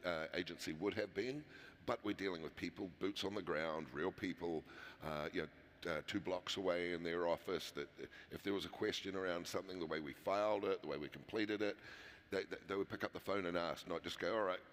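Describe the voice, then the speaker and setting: Low and fairly bright, the voice of a New Zealand company founder comes fairly quickly in this casual conference interview. He leans on fillers and restarts a lot, and the sound has a long hall reverb.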